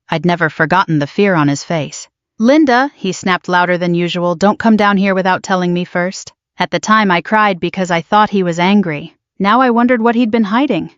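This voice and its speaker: A woman in her sixties telling a first-person story as a steady, scripted narrator. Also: mid-range voice, no room sound. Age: 60s. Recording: dull lo-fi dry voice track.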